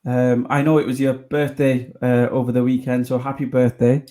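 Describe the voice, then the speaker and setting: Halting male podcast host. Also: medium pitch, flat delivery, warm tone. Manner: halting, repeats words at the start. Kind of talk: interview questions.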